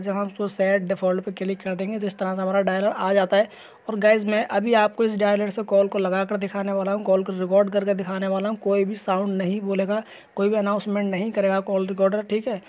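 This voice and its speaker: In a voice-over on a phone screen recording, a tech tutorial host walks viewers through steps, calling them "guys" and repeating himself casually. His voice is high with a darkish tone.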